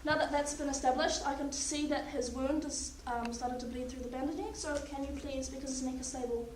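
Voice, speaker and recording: A young woman with a high voice she's starting to lose speaks a little fast while narrating a clinical skills demonstration in her paramedic practical exam. She stays calm and instructive, taking the patient through each step, in an echoey, distant recording with a noisy room.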